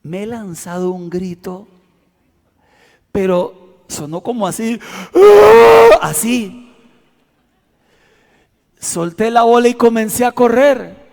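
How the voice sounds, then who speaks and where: Male pastor, high-pitched, theatrical delivery, church hall reverb. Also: slow, long pauses. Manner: dramatic, acts out shouts and quotes. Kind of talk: sermon with personal story.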